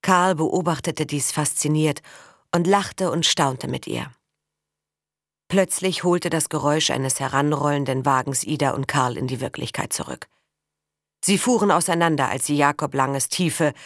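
A woman narrating a story in a calm, measured way, as an audiobook reader. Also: low-pitched, no echo. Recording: dry close mic.

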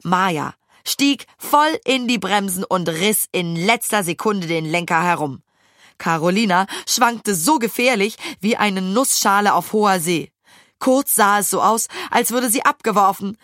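Woman storybook narrator, slow and lively in pitch, dry close sound. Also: dry recording. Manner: expressive storytelling. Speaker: audiobook narrator.

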